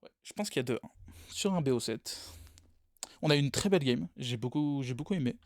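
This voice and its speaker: A man's voice: mid-range voice, expressive, a little fast, darkish tone, dry recording, studio quality. A man casting a video game match live for a stream, tired, rambling and correcting himself as he goes. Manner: rambling, self-correcting, laughs at own slips. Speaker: esports caster.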